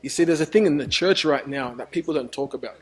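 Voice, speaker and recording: A man's voice: fairly high pitch, fast, soft background music, rough recording. A gospel musician and minister, a man, giving earnest and reflective interview answers that turn openly confessional. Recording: crowd chatter in the background.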